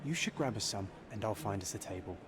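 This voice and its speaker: Male game sidekick, male actor: teasing, easygoing, fast-talking, medium pitch, music behind him. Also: expressive, natural voice. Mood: teasing, friendly. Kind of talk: scripted game voice acting.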